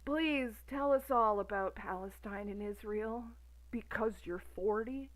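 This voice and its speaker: A woman's voice: medium pitch, unhurried, rough recording. A woman in her thirties ranting on a stream in a profane, sarcastic, exasperated way. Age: 30s. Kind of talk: casual ranting commentary.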